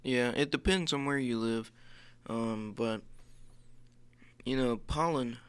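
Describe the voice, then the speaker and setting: A man's voice: mid-range voice, takes it slowly, clear, resonant tone. A man co-hosting a podcast in upbeat casual chat. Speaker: podcast co-host.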